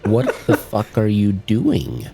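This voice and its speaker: A man playing in a tabletop game over a voice call, his voice coming through a robotic, metallic auto-tune filter, hesitant and full of pauses. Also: fairly low pitch, wildly swooping pitch, gravelly, music in the background. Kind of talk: casual play over a voice call. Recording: voice call audio with a glitching auto-tune effect.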